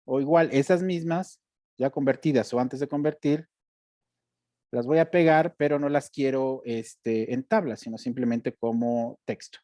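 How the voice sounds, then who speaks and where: A male instructor with a warm, mid-range voice leads a screen-share tutorial at an unhurried pace, walking students through each step. He explains as he goes and checks in with them directly through questions. The studio-quality sound is clean, with no room sound at all.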